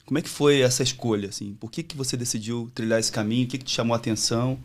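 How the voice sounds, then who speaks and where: A man co-hosting a podcast interview, asking a guest several questions in quick succession. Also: medium pitch, fairly even intonation. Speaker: podcast co-host.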